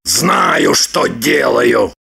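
A woman's voice: very deep voice, sing-song, extremely slow, creaky, fairly bright tone, husky, voice pushed down, full character voice. A woman reader voicing Lyokha, a brusque, bossy man who barks short orders. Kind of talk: audiobook character voice.

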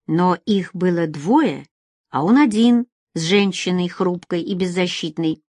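A woman's voice: on the low side, animated, unhurried, darkish tone, dry recording. Woman narrating a story in a dry booth. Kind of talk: audiobook narration.

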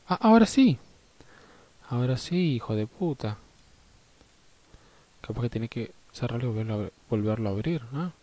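A man with an Argentine Spanish accent streams a game live, chatting casually, swearing and often muttering to himself. His lowish voice has a warm tone, and the recording is dry.

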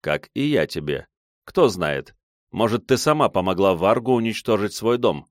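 A man voicing a young clan head who speaks in a flat, indifferent, commanding tone. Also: on the low side, moderate pace, no room sound, studio quality, lightly acted. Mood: cold. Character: cold young male clan head, calm, steely.

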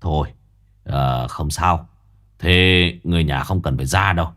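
A man voicing a greedy, crafty old fake sorcerer who talks low and wheedling. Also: measured pace, fairly bright tone. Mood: sly. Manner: low, gruff, sly and wheedling.

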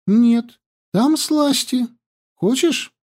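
A man's voice: extremely high pitch, extremely slow, a little mellow, pitched above the performer's own voice, full character voice. A male reader voicing a flighty, wide-eyed young woman from the capital who chatters and wheedles. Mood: chattery. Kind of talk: audiobook character voice.

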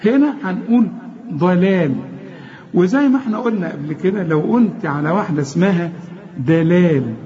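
A man with an Egyptian accent gives a tajweed lesson in a high, mellow voice. He explains each rule plainly and then chants the example verse slowly. The recording is a bit dull and lo-fi. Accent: Egyptian Arabic. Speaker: Quran recitation teacher.

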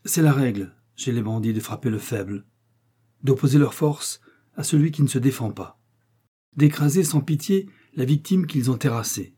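A man reading a wartime spy novel aloud as steady scripted narration, shifting his voice a little for the dialogue. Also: medium pitch, moderate pace, slightly rough. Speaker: audiobook reader.

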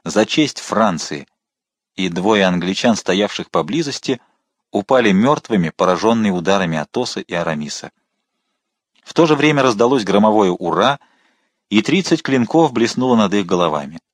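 A male narrator reads an adventure novel aloud with dramatic expression. His voice sits fairly low and sounds dry and close, with no room echo. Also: a little fast. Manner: expressive, shifting to voice the characters. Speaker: audiobook narrator.

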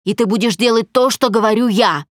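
A woman's voice: on the high side, fairly quick, dry recording, studio quality, natural voice. A woman voicing a domineering, jealous husband who speaks harshly and in clipped phrases.

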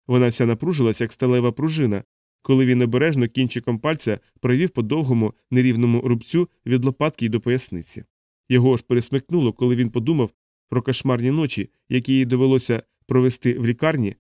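A man narrating an audiobook novel in a steady, even storytelling manner. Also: mid-range voice, no room sound, clean studio sound.

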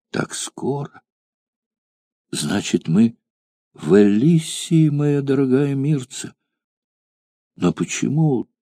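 A man voicing a dying young warrior who speaks faintly and slowly, his words fading. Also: lowish voice, dark tone, no room sound, clean studio sound, heavily acted. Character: dying young male warrior, weak and tender.

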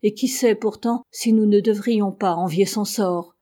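A woman's voice: mid-range voice, a little slow, warm tone, close to an everyday voice. Woman reading as a grave old sailor. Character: old male sailor, loyal, gruff and grieving.

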